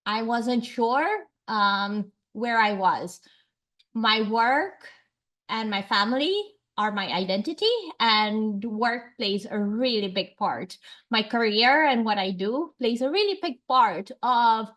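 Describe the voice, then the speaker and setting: A faculty researcher from Tanzania gives a seminar talk in a seminar room, her voice fairly high and a bit bright. She speaks earnestly and reflectively.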